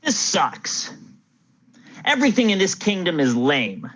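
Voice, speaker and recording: A woman playing a grumpy, bored king who whines and complains, with a husky voice. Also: fairly low pitch, huge pitch swings, unhurried, a bit bright, full character voice. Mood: sulky. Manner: whiny, sulky complaining. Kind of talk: improvised comedy acting. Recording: dull lo-fi recording.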